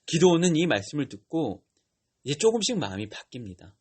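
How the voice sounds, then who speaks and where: Husky, high-voiced young youth pastor. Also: male voice, fairly quick. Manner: lively storytelling with slang and questions to the youth. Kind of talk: sermon retelling a Bible story to teenagers.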